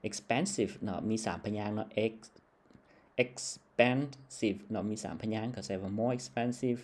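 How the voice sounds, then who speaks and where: Low, mellow-voiced male English teacher. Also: normal speed. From Laos. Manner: patient, checks in with a tag word after almost every phrase. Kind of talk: classroom-style lesson explaining English grammar.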